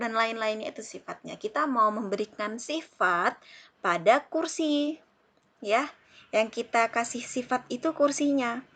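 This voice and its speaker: An Indonesian-accented woman teaches a recorded language lesson. Her voice sits a little high, and she speaks slowly, spelling out each word form with care. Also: a bit bright. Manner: slow, careful drilling of word forms. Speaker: Arabic teacher.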